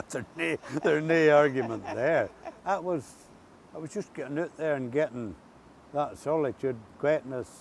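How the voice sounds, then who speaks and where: A man's voice: a little slow, gravelly. An older man with a rural Ulster accent, chatting and telling stories casually as an interview guest outdoors. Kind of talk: casual storytelling chat. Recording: steady background noise, outdoor rumble.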